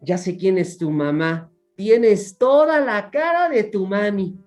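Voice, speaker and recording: Man plays a distracted porter lady, shrill and startled-sounding. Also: expressive, takes it slowly, a little mellow, faint music behind. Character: absent-minded woman building porter.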